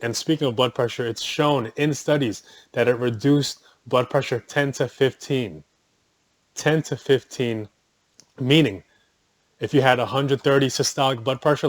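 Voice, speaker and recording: A man's voice: medium pitch, no echo. Man chatting casually about a supplement. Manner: conversational, self-correcting, with restarts and asides. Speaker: wellness vlogger. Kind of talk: casual product talk to camera.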